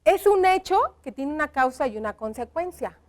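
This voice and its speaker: A woman's voice: high voice, animated, moderate pace, darkish tone. A woman teaching a televised primary lesson, patiently asking the children questions and praising their answers.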